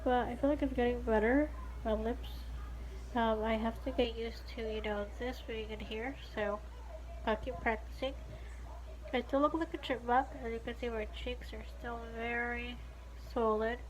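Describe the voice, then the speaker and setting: There's slight background noise as a young beauty vlogger speaks at a moderate pace to her phone camera, held at arm's length in her living room. Her voice is a little high with fairly even intonation, yet congested and stiff-lipped after nose surgery, so it sounds slightly muffled. Her casual video diary is chatty and rambling, thick with fillers.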